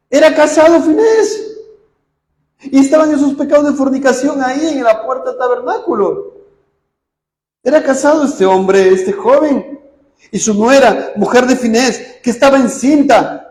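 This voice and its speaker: High-voiced preacher in an echoey room. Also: male voice. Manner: questions the congregation, then answers; swings between loud outbursts and dropped low asides. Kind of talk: sermon retelling scripture.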